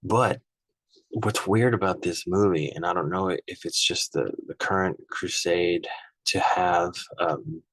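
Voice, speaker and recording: A low-pitched man talks through his opinions in a loose, rambling way, tagging his points with "right?" and getting openly irked. The sound is dry and close, with no room around him. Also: measured pace, fairly bright tone, no room sound, rough recording. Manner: rambling and conversational, often ending points with "right?"; frank and opinionated, easily irked. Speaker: film reviewer. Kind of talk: casual spoken film comparison.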